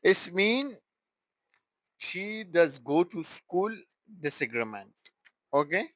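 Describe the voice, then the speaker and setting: Slow, deliberate male English teacher. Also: on the high side, sing-song, a bit bright, dry recording, poor audio. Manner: slow, deliberate explaining with repeated example sentences. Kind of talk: grammar lesson.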